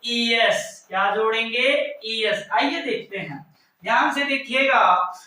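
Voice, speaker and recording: A man's voice: very high-pitched, slow pace, pushed and bright. A male English grammar teacher giving a lesson at a board. He mixes Hindi and English and drills his points with repeated call-and-response questions. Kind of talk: classroom-style lesson at a board. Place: classroom with a board. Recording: echoey room, mic set far off.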